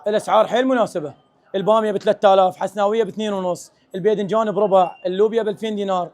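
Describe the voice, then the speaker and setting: Very fast-talking, high-pitched Iraqi man. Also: steady tone, a little mellow. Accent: western Iraqi Arabic. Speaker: market produce seller. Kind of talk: casual market interview.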